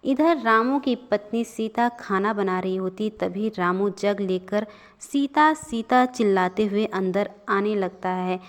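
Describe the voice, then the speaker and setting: A woman narrating a storybook cartoon with an expressive, lively reading. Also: mid-range voice, measured pace, hardly any pauses.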